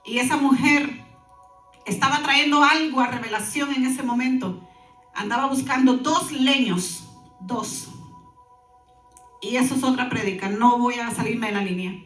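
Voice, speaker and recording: High-voiced woman pastor preaching. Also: measured pace, pauses often, echoey room, distant mic, faint music behind. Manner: animated preaching with asides. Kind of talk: sermon.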